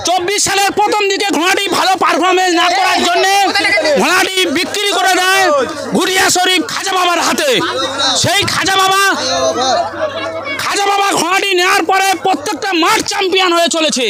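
A man with a West Bengal Bengali accent calls a horse race live as host, shouting repetitive, urgent, drawn-out phrases in an excited race caller style. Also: very high-pitched. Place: outdoor racing field. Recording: outdoor live stream with loud crowd noise. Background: loud crowd and outdoor noise.

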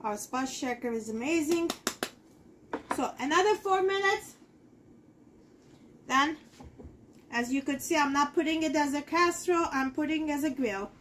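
A woman's voice: high-pitched, normal speed, pauses often, a bit bright, a little hiss or hum. A middle-aged woman giving a casual cooking demonstration in her home kitchen, chatting to viewers as she works. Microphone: fixed camera in front of the counter.

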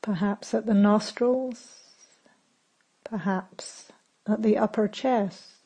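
A woman serving as a meditation teacher guides a meditation in a dark, relaxed, mid-range voice with a slight roughness. She talks very slowly and calmly, offering gentle instructions in short phrases separated by long pauses. The audio quality is poor.

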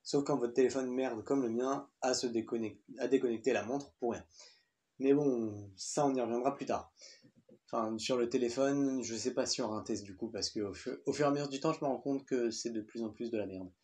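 A man's voice: medium pitch, brisk, darkish tone. A young man talking casually through a smartwatch review, chatty and loose, with fillers and the odd swear word. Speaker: tech reviewer. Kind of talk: casual tech review vlog.

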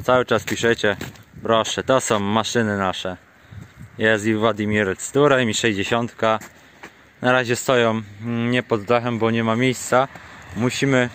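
A man's voice: mid-range voice, noisy background. A man vlogging outdoors on a small farm, chatting casually to the camera and coaxing his animals in a sing-song voice.

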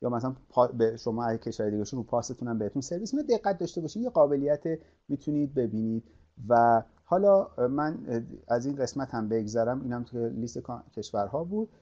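A man's voice: medium pitch, lively intonation, mellow, lo-fi sound. Hesitant man teaching a screen-share lesson. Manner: hesitant, many fillers and restarts, thinking aloud while clicking. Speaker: online course instructor.

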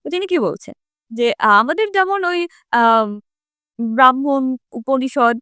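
A woman teacher with a high, very animated voice walks students through a set essay. She reads quoted passages aloud and then explains them plainly, with plenty of fillers. The recording is dry and close, with no room sound. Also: measured pace, smooth, no room sound.

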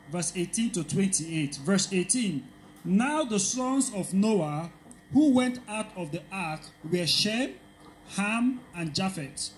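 A man reading Bible verses aloud during a sermon, steady and careful, calling out each verse number. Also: sits high, slight background noise, low-quality recording. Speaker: scripture reader.

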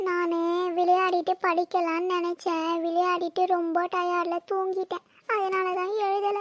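A woman voicing a scared, tearful schoolboy who whines and pleads slowly in a cartoon. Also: very high voice, flat delivery, no echo. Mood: scared whining. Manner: whiny, pleading, slow.

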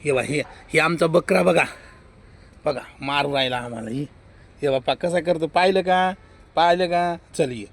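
A man's voice: on the high side, normal speed, creaky. A man vlogging casually outdoors in a village yard, chatting to viewers and coaxing his animals. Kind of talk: casual village vlog chat.

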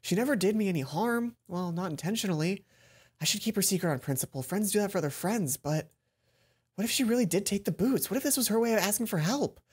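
Over game music, a young let's play host reads a visual novel aloud with expression, breaking in with commentary. He talks fast in a high-pitched, expressive voice that's husky and a little mellow.

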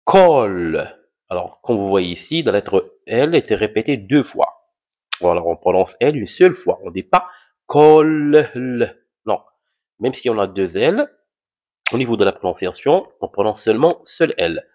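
A man teaching a reading lesson, slowly sounding out letters and syllables and repeating each word three times. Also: fairly low pitch, big pitch swings, darkish tone. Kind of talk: slow classroom reading drill. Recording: dull lo-fi recording.

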